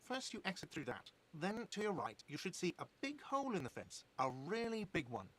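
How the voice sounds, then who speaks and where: A man's voice: high voice, very animated, fairly quick, fairly bright tone, pitched above the performer's own voice, exaggerated voice. A man voicing a grumpy, sarcastic male cafeteria manager in a video game, nagging about money owed. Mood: snippy.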